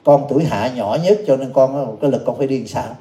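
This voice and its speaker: A timid little boy novice monk, voiced by a man who answers meekly and politely. The voice is mellow and dark. It sounds out in an echoing room. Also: medium pitch, fairly quick, lightly acted. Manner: meek, polite replies.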